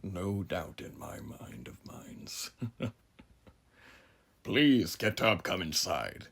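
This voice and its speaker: Casting: an imposing frontier judge villain, horror audio drama. Husky, slow, grandiloquent, politely menacing. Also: male voice, deep voice, big pitch swings, a bit bright, heavily acted. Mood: genial, sinister welcome. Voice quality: gravelly, husky. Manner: grandiloquent, unhurried, theatrical, with dramatic pauses. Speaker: voice actor. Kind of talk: immersive horror audio roleplay monologue.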